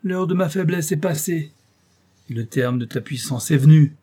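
A man's voice: fairly high pitch, normal speed, warm tone, pitched above the performer's own voice, lightly acted. A man voicing a wretched, vengeful male creature, reproachful and menacing, in an audiobook reading.

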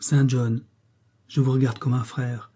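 A man reading the lines of a quiet but firm young woman in a measured, restrained way. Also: mid-range voice, level tone, slightly rough.

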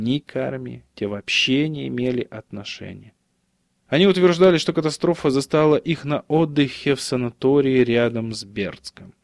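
A man reading an audiobook in a steady, even narration. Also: medium pitch, no room sound, studio quality.

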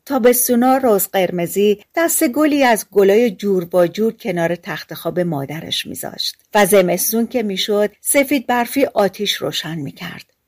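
A woman narrating a fairy tale audiobook in gentle, colloquial storytelling. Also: medium pitch.

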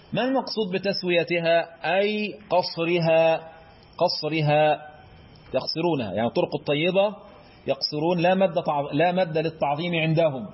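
A man's voice: on the high side, breathy edge, highs cut off. A man with an Egyptian Arabic accent teaching Quran recitation rules, quizzing his listeners and answering his own questions. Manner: chants verse examples in a drawn-out recitation tone. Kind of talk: explanatory lesson.

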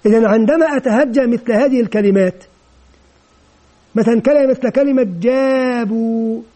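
A man training teachers of Quran recitation, explaining methodically step by step and patiently sounding out syllables slowly, over and over. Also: very high-pitched, mellow. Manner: patient, spells out syllables slowly and repeats them. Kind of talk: instructional lecture.

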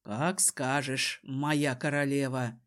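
A woman voicing a powerful man who threatens calmly and mockingly, in a slow, dropped voice. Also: a bass voice, pitched below the performer's own voice. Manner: slow, calm, mocking menace.

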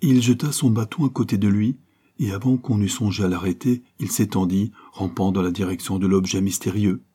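A man narrating an audiobook in a steady, measured storytelling voice. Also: on the low side, slightly rough.

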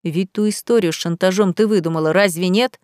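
A woman voicing an angry young groom who talks in harsh, low, menacing tones in an audiobook. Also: a little fast, a little mellow, dry recording, clean studio sound, close to an everyday voice. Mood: contemptuous. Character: angry young man, bitter and contemptuous groom.

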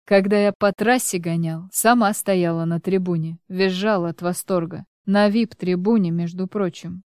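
A woman's voice: lowish voice, steady tone, normal speed, darkish tone, clear, resonant tone, no room sound, clean studio sound, close to an everyday voice. A sullen broke divorced man, as a woman narrator reads him. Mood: sullen, pleading. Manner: pleading, sullen. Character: down-on-his-luck divorced man, ex-racer.

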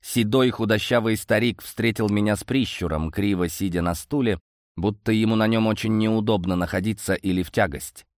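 A man's voice: lowish voice, moderate pace, no room sound, clean studio sound. A man narrating a first-person audiobook story.

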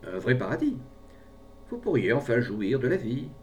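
A man voicing a scheming, smooth-talking male pharmacist in a story reading. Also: mid-range voice, very animated, normal speed, recorded from a distance, slight background noise, lightly acted. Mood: coaxing. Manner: persuasive, wheedling, falsely jovial.

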